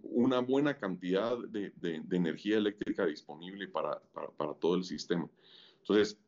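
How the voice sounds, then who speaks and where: A business leader from Guatemala, a guest in a podcast interview, explains things at length with frequent restarts and fillers. His voice is lowish and slightly mellow, with the highs cut off.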